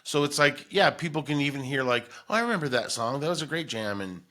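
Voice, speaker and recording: A middle-aged podcast host from Denver chats casually, telling stories in a rambling, conversational way. His voice is on the high side, expressive, fast and sharp.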